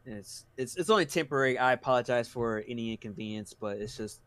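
A man of middling pitch chats casually as a podcast co-host, rambling and restarting his sentences with an easy curse here and there. His voice comes through a replacement headset, and the audio keeps dropping in and out. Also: quick pace, a bit bright, dry recording. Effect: audio cutting in and out. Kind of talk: casual chat.

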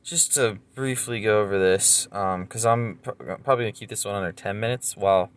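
A man's voice: on the low side, a little fast, clear, resonant tone. Nasal-sounding guy in his 20s, rambly solo chat, lots of ums, kinda self-deprecating. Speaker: podcast host. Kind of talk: casual solo monologue.

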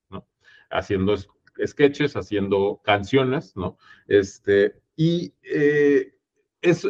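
A man with a Mexican accent, a theater producer in a casual interview, telling stories lively with many fillers and tag questions. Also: mid-range voice. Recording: dull lo-fi audio.

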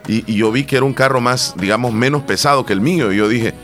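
A man co-hosting a casual talk show, telling a story with lively quoted lines and frequent restarts. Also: mid-range voice, fast talker. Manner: animated storytelling, acts out quotes, many restarts. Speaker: co-host. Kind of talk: casual chat.

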